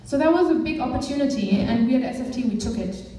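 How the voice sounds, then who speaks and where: Heard from a distance in a big echoey hall, a young German campaigns director speaks earnestly to a live audience. Her conversational delivery is fast, lively in intonation and full of fillers, in a warm, mellow voice pitched a little high.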